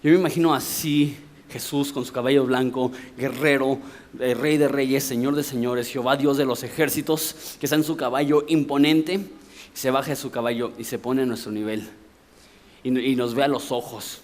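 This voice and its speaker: At normal speed and in a steady, medium-pitched tone, a Mexican pastor preaches from the pulpit. He talks through his points in a conversational manner, asks rhetorical questions, and has a Mexican Spanish accent.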